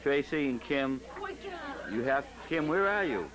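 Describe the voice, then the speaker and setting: A man's voice: medium pitch, lively intonation, a little slow, poor audio. Man, home video cameraman, casual commentary, coaxing guests, busy crowd chatter, old camcorder sound. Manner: coaxing, directing people to pose. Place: busy restaurant party, behind the camera. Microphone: camcorder microphone.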